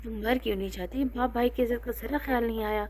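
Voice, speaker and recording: A woman's voice: fairly high pitch, fairly even intonation, heavy background noise, natural voice. A woman voicing an angry, scolding mother in an audio novel.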